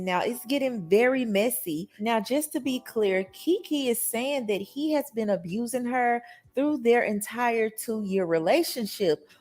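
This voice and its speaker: A woman with an average-pitched voice presents a celebrity news recap. She talks casually and conversationally, explaining the story to viewers as an online video presenter would. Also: darkish tone.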